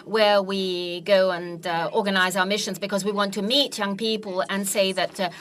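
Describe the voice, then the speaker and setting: Bright-voiced woman giving halting religious testimony. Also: medium pitch, flat delivery. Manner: halting delivery with frequent hesitant pauses.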